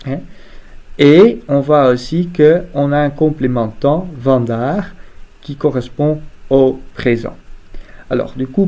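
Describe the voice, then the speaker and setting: A man's voice: on the high side, warm tone. A man teaching grammar step by step, methodically spelling out letters one by one.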